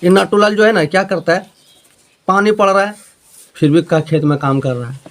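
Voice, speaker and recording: A man's voice: sits high, normal speed. A man teaching a Hindi grammar lesson with a Jharkhand accent, repeating points and checking if students follow. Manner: repetitive, explaining with homely examples and checking questions.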